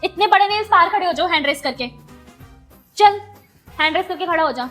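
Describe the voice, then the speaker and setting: A woman's voice: very high-pitched, animated, brisk, fairly bright tone, faint music behind. A woman playing a bossy teenage class monitor who orders her classmates around.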